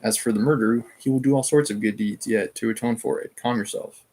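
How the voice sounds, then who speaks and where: A man's voice: medium pitch, fairly even intonation, fairly quick, a little mellow, breathy edge, close to an everyday voice. A man reading the lines of a suave, scheming older nobleman who pleads insistently, in his own everyday voice. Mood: pleading.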